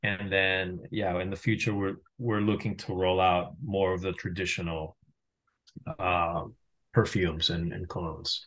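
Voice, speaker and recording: The recording is rough: a man in his thirties from Venezuela, a founder and guest, talks through a webcam mic on a video call from a room at home. His low voice is a bit bright and flat in delivery, and he moves at a measured pace. It's casual interview talk, reflective and dotted with fillers and restarts.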